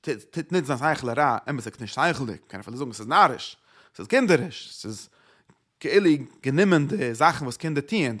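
A man teaching a religious lesson, explaining in loose, repeated phrases with rhetorical questions and many hesitant pauses. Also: mid-range voice, a bit bright. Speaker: Torah teacher. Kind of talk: religious lecture.

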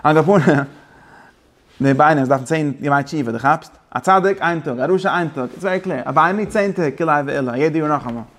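A man's voice: fairly high pitch, fairly quick. A man teaching a Torah class, switching between English phrases and his main language, with frequent restarts.

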